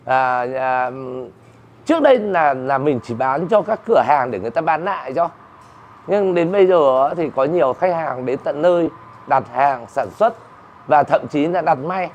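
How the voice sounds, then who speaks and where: Older artisan, muffled recording. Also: male voice, on the high side, lively intonation, a little hiss or hum. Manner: halting, repeating words. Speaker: silk artisan. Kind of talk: interview answers. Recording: muffled, with room ambience.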